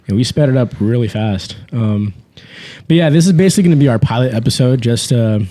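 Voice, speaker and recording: Brisk and mid-range in pitch, the voice belongs to a man in his twenties co-hosting a casual faith podcast, captured dry. Recorded on a studio podcast mic in a small home setup, he chats easily, laughs readily, and frequently restarts or fills pauses.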